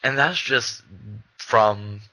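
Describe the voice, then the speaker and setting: A man's voice: medium pitch, very slow, bright, forceful tone, no echo, poor audio. A young man co-hosting a podcast in casual chat, rambling with many fillers and restarts. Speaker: podcast co-host.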